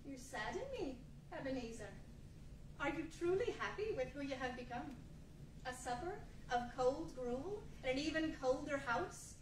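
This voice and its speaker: A woman playing a young, earnest spirit of the past in a radio play, measured and solemn. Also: high-pitched, expressive, a little hiss or hum. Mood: gently urging. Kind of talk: 1940s musical radio play acting. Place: large indoor meeting room, live stage reading. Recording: echoey room, distant mic.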